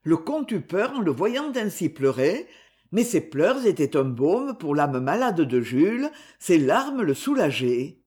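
A narrator reading a classic novel as an audiobook in a measured, expressive way. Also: medium pitch.

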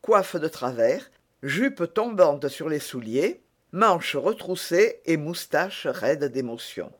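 A man reading a novel aloud as narrator, slow and measured. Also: on the high side, sing-song, a bit bright. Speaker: audiobook narrator. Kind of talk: scripted narration.

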